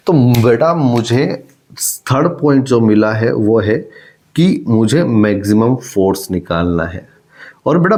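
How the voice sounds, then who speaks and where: Slightly mellow and mid-range, a man's voice leads an exam-prep physics lesson at the blackboard. He walks through the problem one step at a time, addressing students as "child," slipping in English math terms, and repeating key phrases to drive them home.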